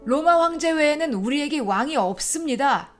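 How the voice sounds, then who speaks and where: A woman voicing an angry crowd of male accusers in a dramatized scripture reading, with high, shouted, insistent delivery. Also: lively intonation, normal speed, soft background music.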